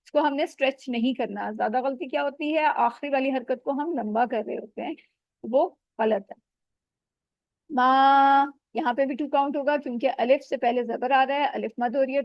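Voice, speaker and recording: In an online class, a woman with a high voice teaches Quran recitation rules, patiently correcting students and modelling sounds slowly. The recording is muffled, with no echo.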